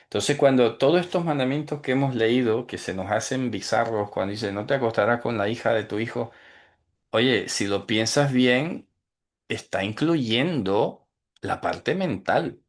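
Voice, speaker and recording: A man giving a religious teaching, explaining in a conversational way and slowing down to stress key words. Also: medium pitch. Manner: explanatory, asks "¿vale?" and "¿sabes?" often, slows to stress key words. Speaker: teacher of Torah commandments. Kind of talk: recorded teaching talk.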